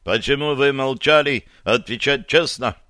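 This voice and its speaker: A man voicing a stern, loud army sergeant who interrogates a private with slow, heavy commands in a dry, close recording. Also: medium pitch, no room sound, lightly acted. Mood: commanding. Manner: barking orders slowly and sternly.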